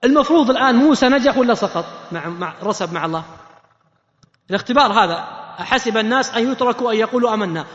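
A man delivers a sermon in an animated way, often putting questions to his listeners. His voice sits high, and it rings with a long echo in a roomy space. The sound is muffled and dull. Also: rapid-fire. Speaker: preacher. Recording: echoey hall, muffled sound.

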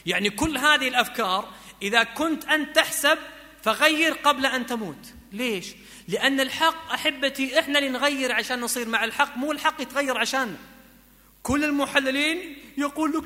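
A man preaching a sermon, chanting verses slowly and moving between soft pleading and emphatic exhortation. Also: very high voice. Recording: long hall reverb.

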